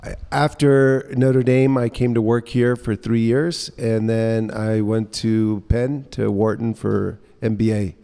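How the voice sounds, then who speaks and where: A man's voice: on the low side, slow, vocal fry, clear, resonant tone. 50s guy raised in the US, chatty interview guest, kinda echoey reverb. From United States (grew up in New Orleans). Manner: relaxed storyteller, chatty. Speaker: guest, entrepreneur. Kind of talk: casual interview conversation. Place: co-working space.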